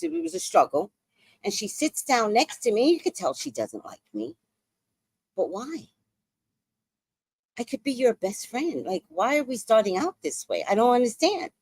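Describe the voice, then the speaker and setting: Animated woman in her sixties telling stories. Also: a little high, no echo. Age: 60s. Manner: animated, profane, dramatic storytelling. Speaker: podcast host. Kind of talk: casual storytelling.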